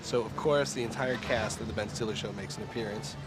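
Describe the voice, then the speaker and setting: A man's voice: lowish voice, brisk, low-quality recording. A man speaking as a filmmaker in a behind-the-scenes interview.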